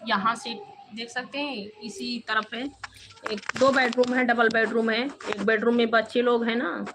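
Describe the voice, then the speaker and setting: A woman hosting a casual live stream from home, softly chatting with viewers and often thanking them. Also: a little high, fairly even intonation, normal speed, background noise. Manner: soft-spoken, devotional, thanks viewers often. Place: home with two bedrooms and a temple.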